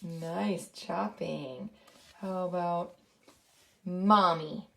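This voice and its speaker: A woman's voice: lowish voice, drawn-out words, gravelly, bright, forceful tone. A woman presenting early literacy lessons and playing patient, encouraging phonics games with her young daughter.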